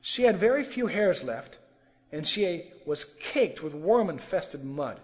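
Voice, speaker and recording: High voiced guy preaching a testimony, lively pitch, big hall echo. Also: unhurried. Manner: earnest, emotional storytelling. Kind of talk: sermon testimony.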